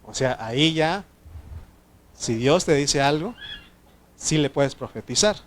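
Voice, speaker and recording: A man's voice: on the high side, expressive, slow pace, a little hiss or hum. Man preaching a Bible lesson. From Mexico. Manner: teaching Bible study with frequent questions to the congregation. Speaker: pastor. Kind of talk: sermon.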